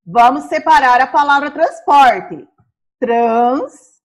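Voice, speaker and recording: A Brazilian woman teaching a primary school class, sounding out words slowly syllable by syllable. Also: high-pitched, big pitch swings. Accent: Brazilian Portuguese. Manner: slow, syllable-by-syllable explaining.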